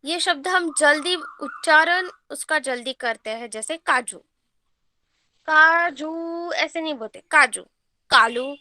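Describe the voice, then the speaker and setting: A woman teacher giving an online Hindi lesson to children, reading words slowly and repeating them for her pupils. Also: sits high, pushed and bright, no echo.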